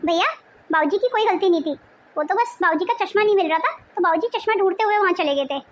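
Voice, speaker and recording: A woman's voice: very high-pitched, fast talker. A woman playing a meek young daughter-in-law. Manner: soft and apologetic.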